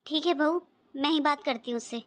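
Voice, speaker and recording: A woman's voice: sits high, fairly quick, natural voice. A woman voicing a worried mother in a cartoon who lectures her married daughter about duty. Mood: firm. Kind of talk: cartoon voice acting.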